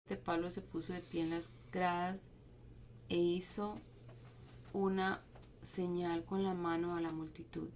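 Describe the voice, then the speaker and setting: A woman reading scripture aloud to a group, steady but with small stumbles and restarts. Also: on the low side, a little slow, long pauses, a little hiss or hum. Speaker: Bible reading leader.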